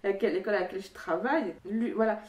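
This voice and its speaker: An echoey room and a distant microphone frame a young woman reviewing a book casually. Her voice is mid-pitched and nasal, clogged by a stuffy nose. She rambles hesitantly, often restarting her phrases. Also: rapid-fire, a little mellow. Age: young adult. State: congested blocked nose.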